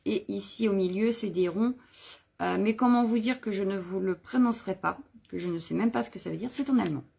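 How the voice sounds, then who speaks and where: A woman's voice: mid-range voice, fairly quick, mellow. A woman chatting casually on a live craft video, showing her stamps and stencils, rambling with fillers and self-corrections. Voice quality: husky, gravelly.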